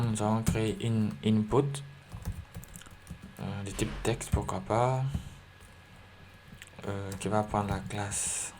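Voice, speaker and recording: A man whose voice sits on the lower side teaches coding in a screen recording, thinking out loud and frequently using fillers and revising what he says. The clip carries background noise and quiet keyboard taps and clicks.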